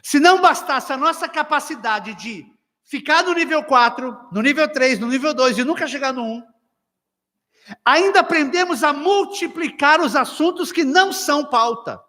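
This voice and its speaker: A man preaching a lively, humorous sermon at a church couples' retreat, acting out everyday arguments. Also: very high-pitched, moderate pace. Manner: lively, humorous, acts out dialogues. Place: church hall. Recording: long church hall reverb.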